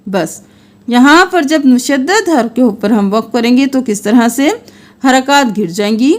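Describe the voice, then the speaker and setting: High-voiced woman teaching Quran recitation. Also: animated. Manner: patient step-by-step explaining, chanting verses slowly and melodically.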